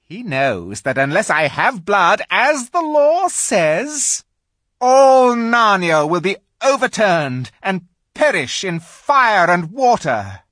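A reader voicing a cruel, proud witch queen who speaks in a shrill, imperious, menacing way. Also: big pitch swings, takes it slowly, a bit bright, no echo, clean studio sound, heavily acted. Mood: scornful.

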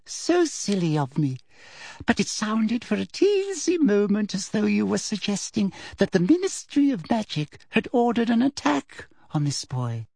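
Guy doing a high fluttery simpering lady official, sugary but cold, audiobook, husky edge. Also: very animated, a little slow, mellow, dry recording, exaggerated voice. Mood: sweetly menacing.

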